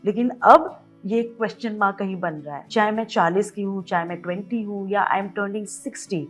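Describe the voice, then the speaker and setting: A middle-aged woman, a counsellor who explains things calmly in an interview and mixes English phrases into Hindi. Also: medium pitch, moderate pace, soft background music. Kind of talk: conversational interview.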